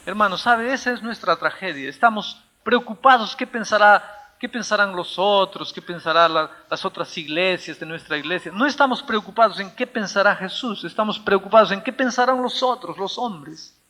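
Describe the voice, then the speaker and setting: A man's voice: high-pitched, moderate pace, bright, forceful tone, big-room sound. A male pastor preaching a sermon, emphatic and telling a story from the pulpit.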